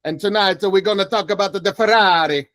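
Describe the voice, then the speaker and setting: Excitable podcast host, a man. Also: high voice, a little fast, dry recording. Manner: excitable, laughing, trailing restarts. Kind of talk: casual car podcast chat.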